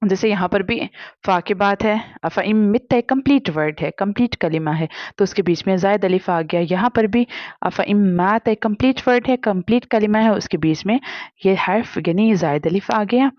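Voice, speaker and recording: A woman's voice: mid-range voice, normal speed, no echo, dull audio. Woman teacher patiently spelling out Arabic letters. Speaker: Quran reading teacher. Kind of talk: step-by-step spelling lesson.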